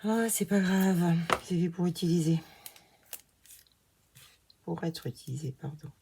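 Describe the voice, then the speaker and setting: A woman's voice: on the low side, a little slow, a little mellow, a little hiss or hum. A woman with a slight lisp, slushy on her s sounds, chatting casually and rambling to herself as she does crafts. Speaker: craft vlogger filming herself. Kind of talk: casual chat while crafting.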